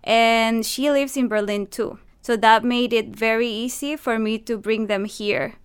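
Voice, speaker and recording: Costa Rican woman with a clear voice. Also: a little high, fairly even intonation, unhurried. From Costa Rica. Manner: earnest, explains step by step, non-native English phrasing. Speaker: university staff, event organizer. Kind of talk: radio interview guest. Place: radio studio.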